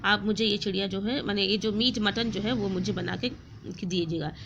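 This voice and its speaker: A woman voicing a hot-tempered young village man who makes angry demands, bright-toned as she reads his lines. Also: mid-range voice, fairly even intonation, normal speed, gravelly, muffled recording, noisy background, close to an everyday voice. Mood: quarrelsome.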